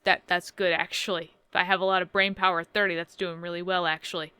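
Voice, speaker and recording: Bright, clear-voiced woman in her thirties. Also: lowish voice, little pitch movement, fast talker, no echo. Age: 30s. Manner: reads on-screen text aloud, then adds wry joking asides. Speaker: let's play host. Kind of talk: casual playthrough commentary.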